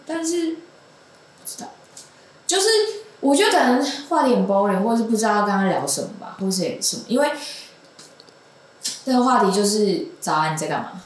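A young woman tells a long story as a guest in a casual chat, rambling and giggling as she goes. Her pitch swings widely and lively. The room around her rings with heavy echo. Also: brisk, pauses often. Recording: roomy echoing room.

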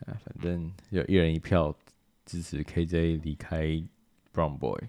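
A man from Taiwan, co-hosting a podcast and cracking deadpan jokes in casual chat. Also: very deep voice, normal speed. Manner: deadpan joking. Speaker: podcast co-host.

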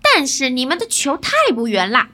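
A woman voicing a brash, fearless young man who talks loudly and cockily in a fairy tale. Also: sits high, big pitch swings, normal speed, heavily acted. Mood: cocky. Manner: loud, cocky shouting.

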